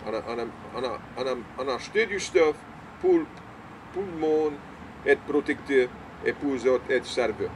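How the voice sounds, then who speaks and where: Older guy w cajun french accent, talks halting, repeats himself, throws in english words, bit of car noise behind. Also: mid-range voice, rough recording. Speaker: small-town mayor being interviewed. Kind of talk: casual conversational interview.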